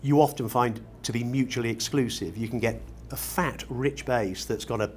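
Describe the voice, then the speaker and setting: With a medium-pitched voice and a moderate pace, a middle-aged Briton who designs loudspeakers explains his work unscripted, in a polished and flowery way. The interview takes place in a large exhibition room under a glass roof, where ambient noise is constant.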